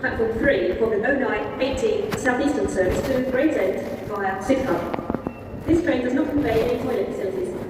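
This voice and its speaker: A woman in a recorded station announcement, heard over public loudspeakers, formal and measured. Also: a little high, recorded from a distance, noisy background. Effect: station public address announcement over loudspeakers. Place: railway station platform. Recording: echoey loudspeaker on a platform heard from afar. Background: station ambience.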